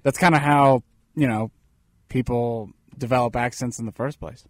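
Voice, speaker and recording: A man's voice: mid-range voice, steady tone, moderate pace, dry recording. A man co-hosting a radio show, chatting in a laid-back, matter-of-fact way. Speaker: radio co-host. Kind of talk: casual sports radio chat. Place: studio.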